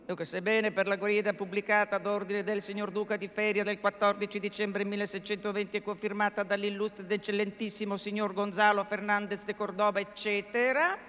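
A woman's voice: on the high side, lively intonation, fairly bright tone. A woman voicing a pompous, fussy old male lawyer in a theatrical reading of a novel, bustling and self-important. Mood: reading aloud. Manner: bustling, self-important, mutters quickly through legal text. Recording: echoey hall.

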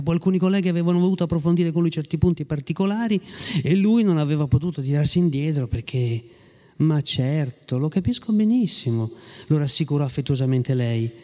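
A man reading a story aloud with a lively, ironic delivery and occasional asides to his listeners. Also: on the high side. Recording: long hall reverb.

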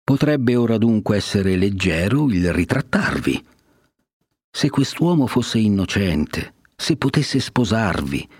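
A man reading aloud plays a dignified elderly cardinal in a storybook reading, speaking with solemn, measured weight. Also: low-pitched, a little mellow, breathy edge, no room sound, studio quality, exaggerated voice.

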